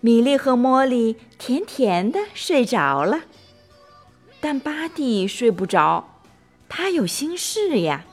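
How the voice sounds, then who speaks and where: Children's storyteller, woman, slow lively bedtime narration, soft music underneath. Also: on the high side. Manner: gentle, slow and expressive.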